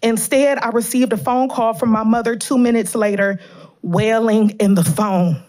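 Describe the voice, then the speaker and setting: A woman's voice: fairly high pitch, steady tone, normal speed, darkish tone. Earnest woman pleading at a podium. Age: 30s. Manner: earnest, pleading, emotionally charged. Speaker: public commenter at city council. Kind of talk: reading a prepared public statement. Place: large indoor council chamber. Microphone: podium gooseneck microphone.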